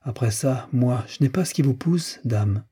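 A man's voice: medium pitch, animated, moderate pace, warm tone, breathy edge. A man voicing a fretful, grumbling old woman servant in an audiobook reading. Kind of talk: audiobook character voice.

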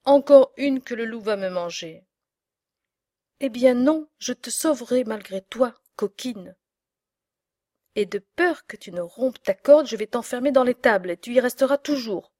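A woman's voice: on the high side, expressive, a little slow, darkish tone, dry recording, studio quality. A woman playing a worried, kindly old male farmer, pleading and fretful.

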